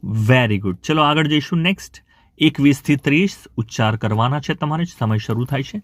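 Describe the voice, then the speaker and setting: A man's voice: medium pitch, dry recording. A male teacher with a Gujarati accent running a beginner English vocabulary lesson. He says each word aloud several times and counts down the practice time. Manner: repeats each word slowly and loudly, counts down.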